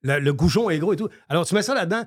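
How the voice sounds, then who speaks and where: An older man with a Quebec French accent, a guest telling stories in animated, casual radio chat with many fillers. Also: high-pitched, very fast, breathy edge.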